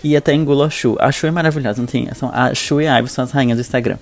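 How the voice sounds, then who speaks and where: A man's voice: mid-range voice, fairly even intonation, racing, faint music behind. A man with a Brazilian Portuguese accent co-hosting a podcast, chatting in a gossipy, blunt and campy way. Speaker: podcast co-host. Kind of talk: casual podcast chat.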